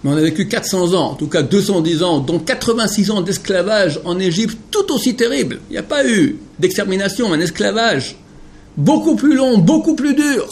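A man giving a Torah lecture to an audience of men, emphatic and rhetorical, swinging between hushed explanation and impassioned questions. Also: sits high, lively intonation, a little fast, hardly any pauses. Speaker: rabbi teaching Torah.

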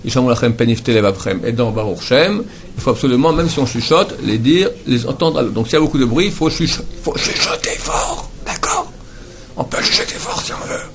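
A man teaching a lesson on prayer, patiently repeating words slowly to model how they should be pronounced. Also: mid-range voice. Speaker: Torah teacher.

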